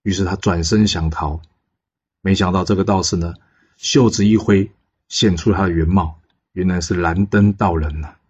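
Deep, husky male storyteller. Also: fairly even intonation, moderate pace, a little mellow, dull audio. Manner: chatty, asks the listener questions, fillers 呢. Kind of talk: casual storytelling of a folk legend.

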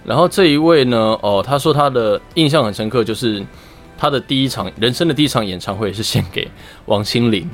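A man's voice: medium pitch, lively intonation, brisk, faint music behind. A man with a Taiwanese accent hosting a podcast in a casual, conversational style. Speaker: podcast host. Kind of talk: casual chat.

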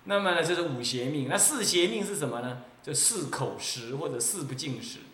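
A male abbot with a Taiwanese accent delivers a Buddhist sermon, teasing and laughing as he goes. His voice sits a little high. The recording is roomy and echoey. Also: brisk, a little hiss or hum. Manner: lively, mocking, laughs often.

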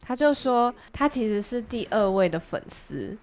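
A woman's voice: on the high side, normal speed. A young woman with a Taiwanese Mandarin accent, co-hosting a podcast and telling a long story in casual chat, acting out the other people's lines. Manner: chatty, animated anecdote telling with quoted dialogue. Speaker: podcast co-host.

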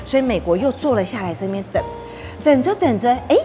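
A woman with a Taiwanese Mandarin accent telling a children's story, animated and addressing the children. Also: on the high side, fast, music in the background.

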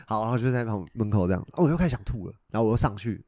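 A man's voice: fairly low pitch, expressive, very fast, warm tone, no echo. A young man, a podcast co-host telling a story in casual chat and acting out the voices he quotes.

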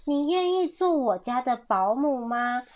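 A woman's voice: sits high, lively intonation, measured pace. A woman voicing an anxious, caring father rabbit in a children's story, earnest and worried. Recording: dull lo-fi audio.

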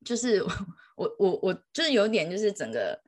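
A woman's voice: mid-range voice, very animated, brisk, a little mellow. A woman, a mother telling a story in casual chat, laughing often.

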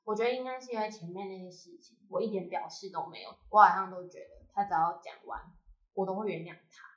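A woman from Taiwan telling a personal story in casual chat, animated and acting out what others said. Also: mid-range voice, fast. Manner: animated storytelling, quoting others in lively voices. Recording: roomy echo.

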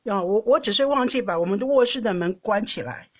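A Taiwanese woman with a Taiwanese Mandarin accent, hosting a podcast and telling a personal story in an animated, chatty way, often laughing and tagging phrases with a soft "ha". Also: mid-range voice, fast, dull audio. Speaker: podcast host. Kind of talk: casual storytelling monologue.

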